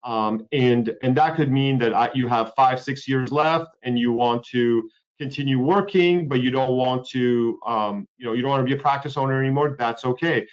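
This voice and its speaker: A man at a mid-range pitch, running a webinar in a loose conversational way. He circles back and restarts his sentences and fills pauses often. The sound is dull and lo-fi, like a video-call mic. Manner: rambling, repeats words and uses many fillers. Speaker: webinar host, healthcare lawyer.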